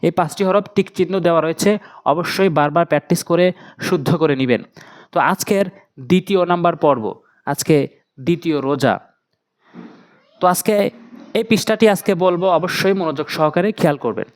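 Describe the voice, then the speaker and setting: A man teaching Quran pronunciation, repeating each letter sound slowly several times as an example. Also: a little high.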